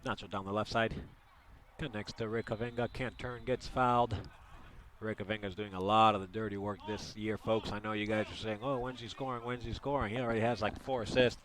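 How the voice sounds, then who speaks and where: A man's voice: on the low side, little pitch movement, brisk, fairly bright tone, slight background noise. A man doing live play-by-play commentary, chatty and partisan, joking with listeners as the action unfolds.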